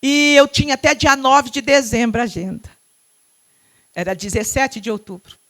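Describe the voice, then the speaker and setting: A middle-aged Brazilian woman pastor preaching with fervor from a church pulpit. Her delivery surges into loud, impassioned cries, then drops to hushed, tender tones. She sometimes breaks into speaking in tongues. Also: high voice, moderate pace. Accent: Brazilian Portuguese. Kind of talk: fervent Pentecostal sermon. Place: church sanctuary.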